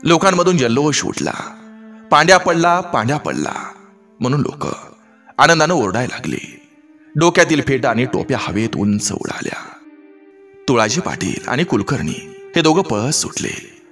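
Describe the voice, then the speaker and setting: Man telling a dramatic village story, mid pitch, soft music in the back. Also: sing-song, moderate pace. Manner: vivid, dramatic reading. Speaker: story reader. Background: faint background music.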